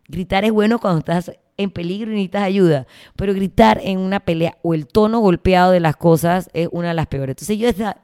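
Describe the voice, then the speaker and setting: A woman's voice: on the low side, darkish tone, no room sound, studio quality. A woman hosting a casual podcast monologue, chatty and slangy, acting out quoted arguments. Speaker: podcast host.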